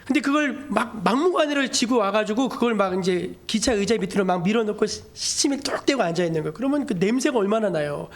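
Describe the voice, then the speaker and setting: A male pastor preaching a sermon, telling stories with lively acted-out quotes. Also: high voice, fast talker, hardly any pauses. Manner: animated storytelling, acting out quoted voices.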